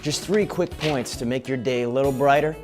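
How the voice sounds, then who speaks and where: A man's voice: mid-range voice, brisk, loud music behind the voice, close to an everyday voice. A man playing a slick self-help doctor. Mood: upbeat. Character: smooth motivational-speaker therapist doctor. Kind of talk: mock self-help segment.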